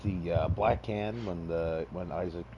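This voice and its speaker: A man hosting a podcast, asking questions in a hesitant, halting casual way. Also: deep voice. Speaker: podcast host. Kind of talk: casual chat. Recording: muffled lo-fi mic with hiss.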